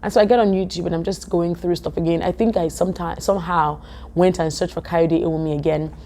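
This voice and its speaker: A young woman, chatting to camera in a vlog, animated and full of "um"s, from her office. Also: on the low side, fast. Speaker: vlogger. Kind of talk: casual talk to camera.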